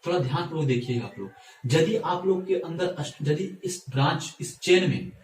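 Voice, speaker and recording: A man's voice: fairly high pitch, normal speed. A male chemistry teacher giving a whiteboard lesson, asking and answering his own questions and checking in with students. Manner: asks and answers his own questions, repeats "theek hai". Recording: echoey room, mic at a distance.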